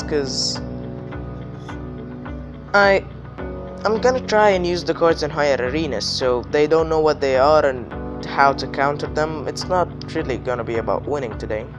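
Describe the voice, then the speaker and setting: Male gaming host, slightly higher voice, a bit under the weather, casual play-by-play over music. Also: dull audio. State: slightly ill voice. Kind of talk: casual gameplay commentary.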